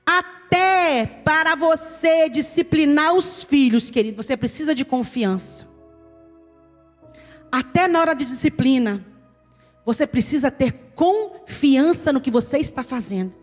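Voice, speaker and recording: A woman's voice: sits high, measured pace. A woman pastor with a Brazilian accent, preaching an emphatic sermon and addressing her listeners as "querido". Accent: Brazilian Portuguese. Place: church hall. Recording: reverberant church hall with soft music.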